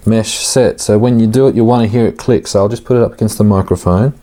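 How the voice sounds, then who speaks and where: A man giving a casual, hands-on tutorial, informal and halting as he thinks aloud while working. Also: fairly low pitch, mellow. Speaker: hobbyist host of an RC car build series.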